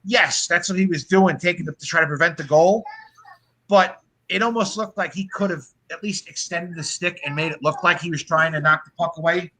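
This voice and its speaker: A man's voice: on the high side, fairly quick, pushed and bright, poor audio. A man co-hosting a hockey podcast, talking casually in a rambling, profane way with lots of restarts. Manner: swears freely, rambling restarts. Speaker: podcast co-host.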